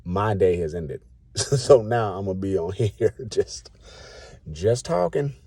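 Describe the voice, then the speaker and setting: Late-30s male vlogger, blunt and preachy, dark mellow voice, dry recording. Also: on the low side, expressive, slow pace, breathy edge, no room sound. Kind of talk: casual rant to camera.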